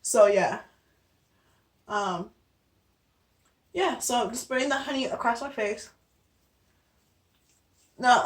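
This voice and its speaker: A young adult woman giving a casual skincare tutorial, chatty and out of breath, with many fillers and restarts. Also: fairly high pitch. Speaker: beauty vlogger.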